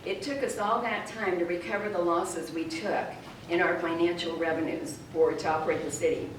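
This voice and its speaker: A woman speaks at a candidate forum in a measured way, stopping now and then to restart a phrase. Her voice echoes heavily around a large hall. She is picked up from a distance, with clear background noise under her words. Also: on the low side, steady tone. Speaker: incumbent council candidate.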